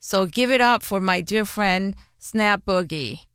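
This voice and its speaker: A woman's voice: mid-range voice, unhurried, a crowd in the background. A woman from Mexico City hosting a radio show, interviewing casually and chatting with fillers.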